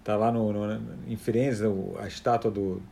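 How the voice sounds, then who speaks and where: A man's voice: lowish voice, flat delivery, normal speed, vocal fry, warm tone. A man from Rio with a Carioca accent in casual comedic chat, stammering and circling back on his words. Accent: Carioca (Rio de Janeiro). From Rio de Janeiro, Brazil.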